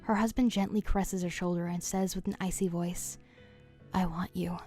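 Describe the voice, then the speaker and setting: A woman reading the narration of an animated story in a dramatic storytelling manner. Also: mid-range voice, fairly quick, faint music behind.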